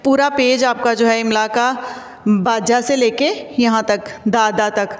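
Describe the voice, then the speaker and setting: A woman teacher with a Pakistani Urdu accent, sounding out letters and syllables slowly for young children in an online lesson. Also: a little high, steady tone. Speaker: school teacher. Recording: echoey room with long reverb.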